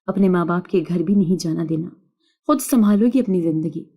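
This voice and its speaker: A woman voicing a harsh, stern older mother-in-law who scolds and threatens in a dark, louder voice. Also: on the low side, husky. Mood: scolding.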